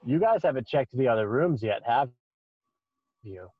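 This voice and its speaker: A man improvising narration as a tabletop game master, haltingly, often repeating phrases. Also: medium pitch, expressive, no echo, highs cut off.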